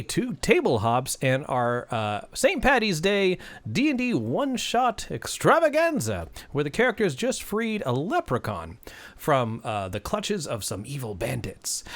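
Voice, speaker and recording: Lively man running a tabletop game. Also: on the high side, measured pace, dry recording. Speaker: game master and stream host. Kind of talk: casual tabletop game narration.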